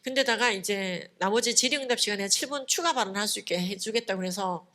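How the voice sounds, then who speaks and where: Bright-voiced woman giving an emphatic lecture. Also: medium pitch, fast talker. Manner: emphatic, lively storytelling with frequent "예" asides. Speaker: guest lecturer at a church conference. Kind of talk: conference lecture to a church audience.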